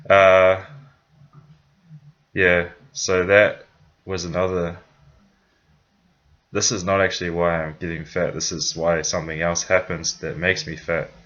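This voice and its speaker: A man's voice: sits low, level tone, measured pace, long pauses, fairly bright tone, highs cut off. A young man from New Zealand with a New Zealand accent, casually telling his own story in a vlog, rambling with many fillers and self-corrections.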